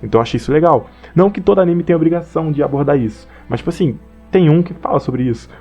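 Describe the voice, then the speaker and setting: A man's voice: on the high side, animated, rapid-fire, mellow, highs cut off, faint music behind. A young man with a Brazilian accent, giving a casual, slangy, rambling opinion monologue on an anime and partly reading from notes. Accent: Brazilian Portuguese. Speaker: anime commentator.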